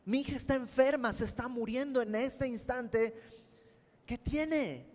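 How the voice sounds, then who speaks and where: A frantic father begs in a high, strained voice, as a preacher acts him out during a Bible study. His urgent questions climb upward and trail into a long hall echo. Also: measured pace, darkish tone. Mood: pleading. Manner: pleading, urgent, pitch rising in questions. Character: desperate father pleading, grown man.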